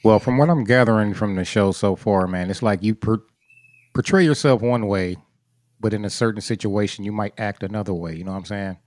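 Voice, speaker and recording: Podcast guest dude, low voice, relaxed, dry sound. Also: male voice, a little fast, dry recording. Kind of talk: casual chat.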